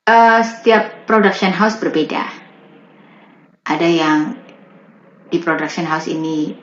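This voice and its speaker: A woman working as a voice-over artist, chatting casually in an interview and explaining with lively rises in her voice. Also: lowish voice, slow pace. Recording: roomy, slightly dull recording.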